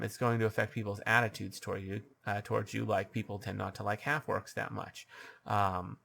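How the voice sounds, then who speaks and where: A man with a lowish, fairly bright voice and some vocal fry gives dungeon master advice off the cuff, sounding a little scratchy. His unscripted monologue is halting, full of ums, uhs and restarts.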